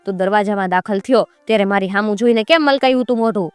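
A woman's voice: medium pitch, fast, smooth, dry recording, soft background music, natural voice. Woman doing a stern, commanding queen. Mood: stern threatening. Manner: commanding, harsh. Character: stern young queen threatening.

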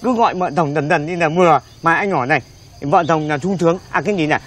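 A man's voice: a little high, fast talker, a bit bright. An actor playing a panicky, cowardly young male suitor in a village comedy film, wailing and stammering. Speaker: comic lead in a comedy film. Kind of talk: slapstick comedy film acting.

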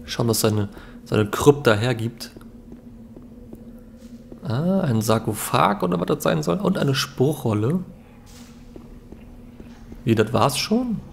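A man's voice: mid-range voice, big pitch swings, slow, creaky, long pauses, a little hiss or hum. A young man giving casual let's play commentary in a laid-back, musing way. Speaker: let's player. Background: game ambience.

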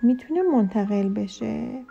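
A woman's voice: on the high side, animated, vocal fry, warm tone, slightly rough, dull audio, soft background music, exaggerated voice. A woman voicing a caring mother who is a scientist, reassuring her child in a read-aloud children's story.

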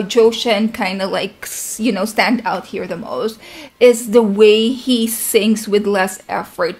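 A woman reacting to a song as a vlogger, talking in a gushing, effusive way with lots of "like" and "you know". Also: a little high. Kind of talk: casual reaction chat.

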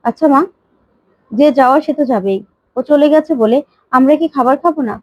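A woman's voice: high voice, brisk, dry recording, dull audio, natural voice. A woman voicing a young adult son, a hopeful music student, who talks reassuringly.

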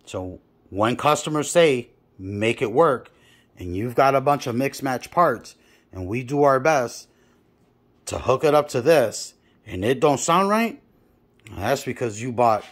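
A man's voice: mid-range voice, animated, a little slow. A man who installs car audio, explaining wiring and telling a customer story in a blunt, profane, casual way.

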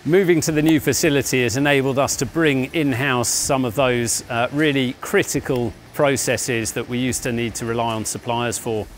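A man's voice: medium pitch, fairly even intonation. Man guiding a factory tour. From England. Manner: measured, explanatory, with frequent "uh" fillers. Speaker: company founder giving a factory tour. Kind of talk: guided walking tour presentation. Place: large indoor offices and factory floor. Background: faint music.

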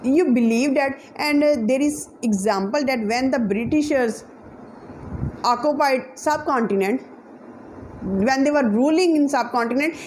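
This motivational talk to camera comes from a young Pakistani-accented woman, a native Punjabi speaker who teaches English, sitting on a sofa inside a room. Earnest and emphatic, she gestures a great deal, her high voice carrying a darkish tone. The recording is rough, with a little hiss or hum.

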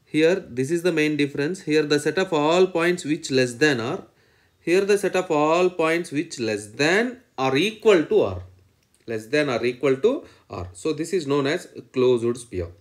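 A man's voice: a little high, animated, unhurried. A man lecturing in mathematics, dictating definitions in short phrases and repeating each one as he writes.

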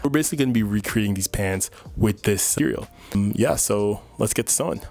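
Young guy explaining sewing stuff, kinda low voice, super casual, lots of "like" and "you know". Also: a little fast, creaky. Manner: relaxed, chatty, lots of fillers like "like" and "you know". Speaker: sewing channel host.

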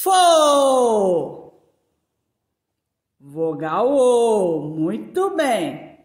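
A Brazilian woman teacher with a Brazilian Portuguese accent guides young children through a lesson, drawing out her syllables in a slow, sing-song way. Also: high voice, sing-song, fairly bright tone. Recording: echoey room.

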